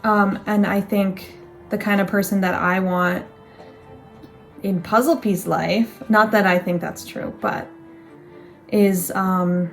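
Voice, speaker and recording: A woman's voice: mid-range voice, steady tone, takes it slowly, long pauses, faint music behind. A young woman in casual chat, thinking aloud in a reflective, rambling way with restarts. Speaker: co-host.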